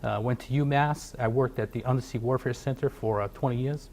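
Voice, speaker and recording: A man's voice: mid-range voice, brisk, a little mellow, slight background noise. A middle-aged man from Portugal, a company founder, speaking in a TV business interview with many fillers and restarts. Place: TV studio.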